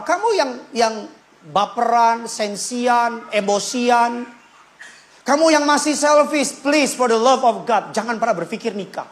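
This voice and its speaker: A male pastor, preaching an animated sermon that swings between loud bursts and quiet asides. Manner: animated, shifts pitch and loudness, acts out quotes with shouts. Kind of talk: lively sermon. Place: church.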